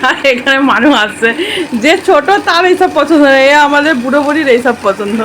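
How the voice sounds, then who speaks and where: Brief: woman vlogger, high voice, chatty and friendly with viewers, noisy home recording. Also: expressive, fairly quick, a bit bright. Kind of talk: casual home vlog chat.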